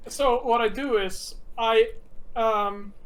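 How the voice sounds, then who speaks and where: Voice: medium pitch, steady tone, takes it slowly. A player in a tabletop game, eagerly describing their character's actions step by step in a casual way.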